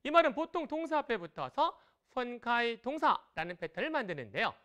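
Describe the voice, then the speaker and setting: A woman teaches a broadcast language lesson in a lively, encouraging way. Her voice sits fairly high and rises and falls a great deal as she explains. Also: fairly quick. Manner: lively and encouraging, drawing out example tones.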